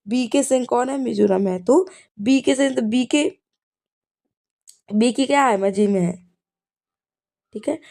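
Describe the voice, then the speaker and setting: This revision lesson comes from a woman teacher whose fairly high, warm voice is a little slow, with vocal fry and frequent pauses. Repeating the main points, she shares memory tricks for the exam and keeps checking in with "ठीक है".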